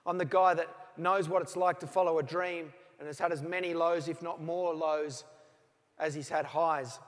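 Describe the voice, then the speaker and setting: High-voiced Australian man in a reverberant hall. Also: fairly even intonation, moderate pace. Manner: storytelling, acts out both sides of remembered phone calls. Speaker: motivational speaker. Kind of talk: motivational keynote speech. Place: large hall with audience.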